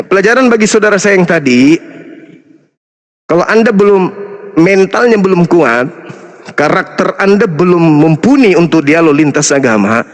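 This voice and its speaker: A man's voice: high voice, big-room sound. A man, an Islamic apologist, lecturing and taunting his opponents in a combative interfaith debate.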